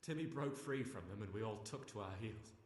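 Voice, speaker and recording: A man's voice: on the low side, animated, brisk, close to an everyday voice. An actor playing a nervous, foul-mouthed male bandit in a medieval video game, speaking bluntly and warily. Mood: sullen, recounting. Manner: blunt, sweary, reluctant. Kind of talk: video game dialogue acting. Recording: echoey hall reverb, game music behind.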